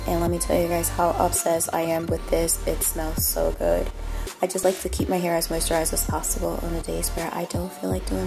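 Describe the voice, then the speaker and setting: A young beauty vlogger, a bit under the weather, chats casually to viewers about her routine from a small bathroom. Her raspy voice sits on the low side, and she is chatty and self-mocking, addressing viewers directly. Music plays clearly underneath.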